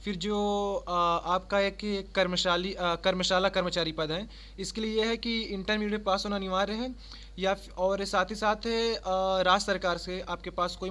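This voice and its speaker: A man acts as an online exam-prep presenter, giving an informal, instructional explainer about job notices, repeating points and tossing in little check-in tags. His voice is high-pitched and a bit bright. Faint background noise is present.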